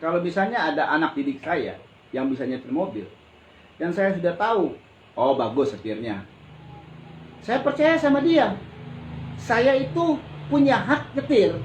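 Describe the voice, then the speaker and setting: A man delivers a sermon as a pastor, talking to his congregation in a loose, colloquial manner and repeating his points. His voice rings through a reverberant hall, with faint room noise underneath. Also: high voice. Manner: conversational preaching, often addressing listeners as brothers and sisters; colloquial, with frequent exclamations and repetition.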